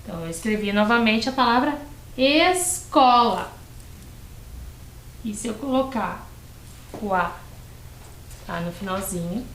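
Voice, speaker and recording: A Brazilian woman teaching a lesson to young children, drawing out syllables slowly and patiently. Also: mid-range voice, fairly bright tone, reverberant, low-quality recording. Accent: Brazilian Portuguese. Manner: stretches words and syllables, patient and encouraging. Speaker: primary school teacher. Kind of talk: slow, clearly spelled-out lesson for young children.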